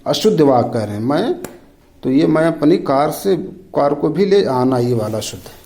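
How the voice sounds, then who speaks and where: A man's voice: fairly high pitch, sing-song, normal speed, gravelly, warm tone, poor audio. A man tutoring Hindi exam questions, reading each option aloud and naming the wrong one. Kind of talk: rapid quiz walkthrough.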